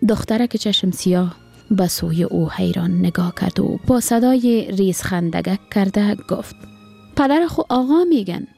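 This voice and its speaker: A woman with an Afghan Dari accent reading a short story aloud for radio in a soft, low-key manner. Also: creaky, breathy edge, faint music behind. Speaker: story reader. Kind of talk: scripted story narration for radio.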